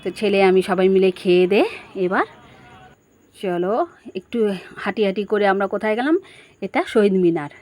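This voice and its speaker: A woman's voice: mid-range voice, normal speed, pauses often, a little mellow. A woman narrating a casual family vlog, chatting straight to her viewers and asking them questions. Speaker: family vlogger.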